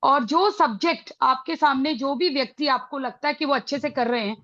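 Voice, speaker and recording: A middle-aged woman with an Indian accent leading a motivational parenting session, mixing Hindi and English with emphatic, drawn-out phrases. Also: high voice, fairly bright tone, dry recording, muffled recording. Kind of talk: motivational talk to a live group.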